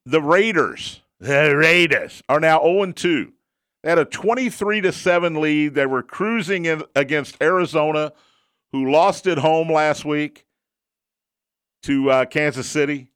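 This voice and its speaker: A man's voice: on the high side, unhurried, fairly bright tone, smooth, no echo, clean studio sound. A man hosting a solo sports radio show, delivering monologue and sponsor reads emphatically, repeating short phrases for punch. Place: radio studio.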